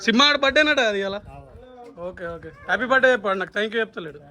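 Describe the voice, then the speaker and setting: A man's voice: sits high, expressive, very fast, sharp tone. A young man, chatting and teasing friends and family while vlogging at a busy family function on a handheld camera. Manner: chatty, teasing, greets everyone in passing. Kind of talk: casual vlog chat with friends and family. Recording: chattering crowd behind.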